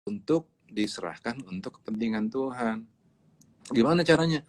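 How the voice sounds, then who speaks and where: A man's voice: mid-range voice, expressive, normal speed. A man preaching in a livestreamed sermon, speaking emphatically and repeating his key words. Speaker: pastor.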